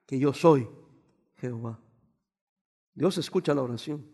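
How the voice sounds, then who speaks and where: Male pastor, high-pitched, call-and-response sermon delivery. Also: pushed and bright. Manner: call-and-response preaching, asks congregation to finish lines. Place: church before a congregation.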